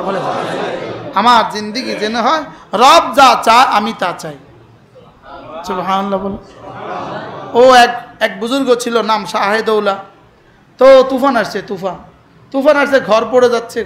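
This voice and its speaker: A man's voice: extremely high pitch, a bit bright, roomy sound. A man preaching a fervent waz sermon, calling out questions for the crowd to answer. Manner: fervent, call-and-response with the crowd. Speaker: Islamic preacher. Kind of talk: emotional Bengali waz sermon.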